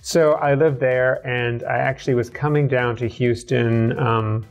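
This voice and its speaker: Middle-aged southern guy being interviewed, gravelly voice, sardonic and self-mocking, faint music under it. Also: mid-range voice, steady tone. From southern United States. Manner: self-deprecating, quick sardonic wit. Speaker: interview guest. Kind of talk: candid conversational storytelling.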